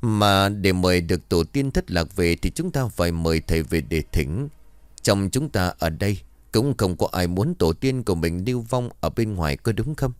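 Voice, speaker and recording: A man's voice: deep voice, lively intonation, moderate pace, smooth, dry recording. A man voicing an earnest middle-aged villager giving a formal speech to his family clan.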